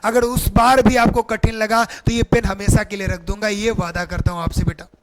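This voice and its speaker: High-pitched sing-song grammar teacher. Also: male voice, level tone, a little hiss or hum. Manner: sing-song, drawn-out teaching delivery, calls viewers beta; asks rhetorical questions and answers them himself. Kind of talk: online exam-prep lesson.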